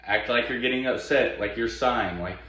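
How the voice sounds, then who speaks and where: Male tutorial instructor, informal and plain-spoken, mid-pitched, heavily reverberant room. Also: brisk, fairly bright tone. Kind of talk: casual explanatory tutorial. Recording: very echoey room.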